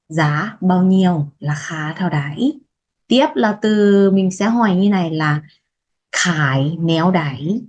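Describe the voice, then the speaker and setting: A woman teaching vocabulary, saying each word slowly and repeating it before explaining it. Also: on the low side. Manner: repeats words slowly, then explains briskly. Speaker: language teacher. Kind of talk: vocabulary lesson, slow repetition. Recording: dull lo-fi sound.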